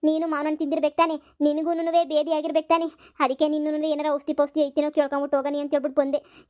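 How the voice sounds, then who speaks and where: A moaning, worn-out village woman from a cartoon comedy, as a woman acts her out. Her voice is high and thin, with long wailing calls. She complains that she is feeble and drained. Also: dull audio, close to an everyday voice. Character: weak, worn-out village woman with a stomach bug.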